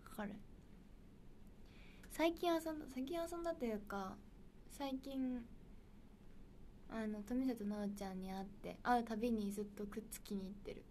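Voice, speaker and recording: A young woman with a Kansai accent hosting a casual livestream, chatting brightly and answering viewer comments, often dropping into soft, near-whispered asides. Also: on the high side, normal speed, pauses often, a little hiss or hum. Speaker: idol livestream host.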